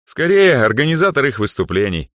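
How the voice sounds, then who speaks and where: A man voicing a polite, good-natured older male music organizer in an audiobook, speaking in a courteous, smooth way. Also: medium pitch, very animated, a little fast, fairly bright tone, dry recording, clean studio sound, voice pushed up.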